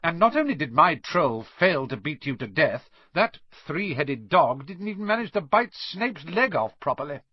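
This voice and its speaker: A man's voice: on the high side, big pitch swings, normal speed, few pauses, husky, no echo, pitched above the performer's own voice. A man voicing a scheming male wizard teacher, cold and servile, in an audiobook reading. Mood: gloating. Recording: dull lo-fi dry recording.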